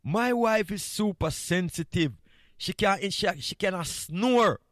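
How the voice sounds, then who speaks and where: A Jamaican morning radio host talks casually in a slightly high, fairly bright voice, expressive and at a measured pace. He's playful and candid, often repeating a phrase to hammer it home. The sound is dry, with almost no room and no echo.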